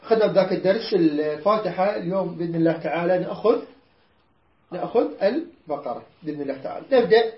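A woman's voice: lowish voice, expressive, fast. Woman, Iraqi accent, Quran teacher, patient quizzing manner, echoey room. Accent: Iraqi Arabic. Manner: patient, repeats words and quizzes students. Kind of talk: teaching a class. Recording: roomy dull lo-fi recording.

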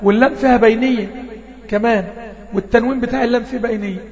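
A man with an Egyptian accent teaching Quran recitation in an online lesson, voice a little strained, drawing out sample words slowly and checking in often with his class. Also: very high voice, fairly even intonation, a little mellow. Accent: Egyptian Arabic. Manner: slow drawn-out demonstrations of recited words. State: voice a bit strained. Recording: dull lo-fi audio with long reverb.

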